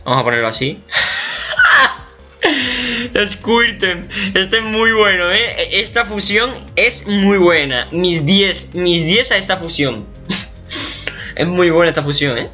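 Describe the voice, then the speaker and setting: A man with a Spain Spanish accent giving casual reaction commentary as a gaming YouTuber, animated and swearing, squealing in mock shock. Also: high voice, normal speed, faint music behind.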